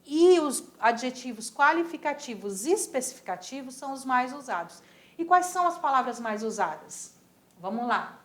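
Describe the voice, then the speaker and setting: A woman with a Brazilian Portuguese accent teaching a recorded Spanish lesson, patiently repeating words slowly to model pronunciation. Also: sits high, sing-song, echoey room.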